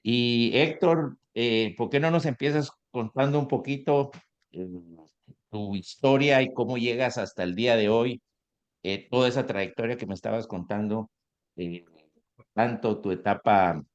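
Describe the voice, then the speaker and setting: A man hosting an interview, introducing his guest slowly with many fillers. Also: on the low side. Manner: hesitant, many fillers, slow. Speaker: host. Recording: dull lo-fi sound.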